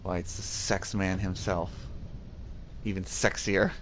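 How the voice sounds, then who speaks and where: A man's voice: low-pitched, flat delivery, measured pace, fairly bright tone, slight background noise. A man hosting a let's play, giving casual commentary as he plays.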